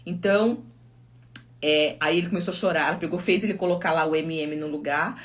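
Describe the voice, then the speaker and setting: A woman's voice: low-pitched, a little fast. Middle-aged Brazilian woman, psychologist hosting a live stream, chatty anecdotal delivery, phone mic. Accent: Brazilian Portuguese. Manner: chatty storytelling, reads viewer comments aloud. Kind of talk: casual live-stream chat.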